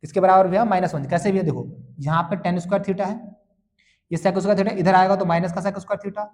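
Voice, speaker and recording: A man's voice: high voice, fairly even intonation, quick pace, darkish tone. A man teaching a board-exam maths lesson who keeps asking questions and answering them himself. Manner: asks and answers his own questions, calling students bhaiya and beta.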